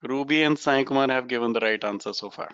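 Male online tutor, Indian accent, encouraging and chatty, Hindi-English mix, smooth bright voice, slightly muffled recording. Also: medium pitch, fast talker, dry recording. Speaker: physics teacher. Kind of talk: informal online lesson, explaining problems to students. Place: indoors, online class over webcam.

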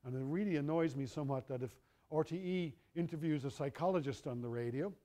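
A man's voice: a little high, fast, dark tone. A middle-aged man, giving a university lecture in a wry, conversational way, often correcting himself mid-sentence.

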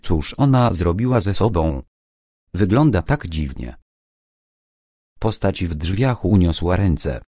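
Man, audiobook narration, measured, expressive, dry close sound. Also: deep voice, no echo. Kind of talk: scripted narration.

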